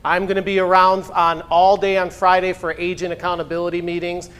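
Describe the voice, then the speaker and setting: A man leading a team sales meeting, energetic and hyping up the team. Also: high voice, a little fast, clear, resonant tone. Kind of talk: upbeat meeting announcements.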